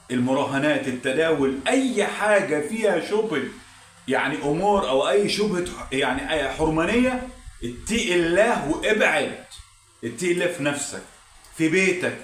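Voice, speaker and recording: Egyptian man preaching advice, slightly high voice, echoey room, distant mic. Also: a bit bright. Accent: Egyptian Arabic. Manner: earnest, preachy. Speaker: channel host. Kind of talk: moral advice to viewers.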